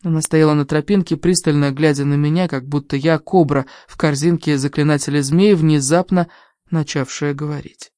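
Audiobook narrator, first person, warm low-key tone, dry booth sound. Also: fairly even intonation, moderate pace, no room sound.

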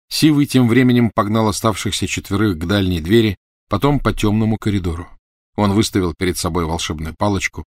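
A man narrating an audiobook in a measured, even manner. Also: lowish voice, no room sound, clean studio sound.

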